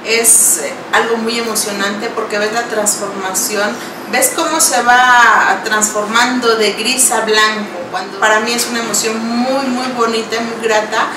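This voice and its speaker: A woman's voice: a little high, steady tone, measured pace, few pauses. A woman in her thirties, a salon owner, speaking heartfelt and hesitant in a seated interview. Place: indoor studio with bookshelves. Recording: roomy sound, distant mic, noisy.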